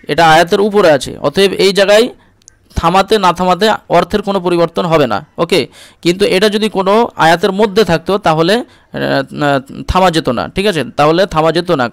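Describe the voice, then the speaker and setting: A man teaching Quran reading step by step, spelling out letters and vowel marks, then chanting the words slowly and checking in often with his learner. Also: a little high, clean tone, no echo, studio quality. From India. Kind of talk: step-by-step recitation lesson.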